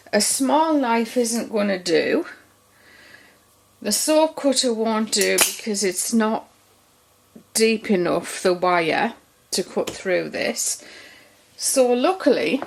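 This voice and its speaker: A woman's voice: on the high side, creaky, slight background noise. A woman teaching soap making, talking casually through each step and thinking aloud as she works. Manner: chatty, thinks aloud while working.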